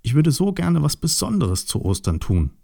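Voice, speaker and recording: A man's voice: a little high, big pitch swings, moderate pace, creaky, dark tone, no echo, clean studio sound, pitched above the performer's own voice, exaggerated voice. A man voicing a small, shy, colorful piglet in a storybook, with a timid, childlike and wistful manner. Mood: sad. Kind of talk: storybook voice acting.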